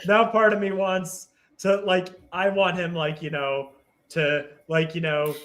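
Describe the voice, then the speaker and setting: A man's voice: high voice, flat delivery, unhurried, a bit bright. A man co-hosting a casual cartoon podcast, sharing facts in a chatty way, with lots of "like". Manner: chatty, gives facts with many likes. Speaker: podcast co-host.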